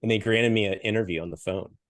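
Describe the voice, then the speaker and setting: A man's voice: lowish voice, quick pace, no room sound. A middle-aged man from Western Pennsylvania telling a story in a casual interview, acting out the people he quotes and laughing often. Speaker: podcast guest, coach and speaker.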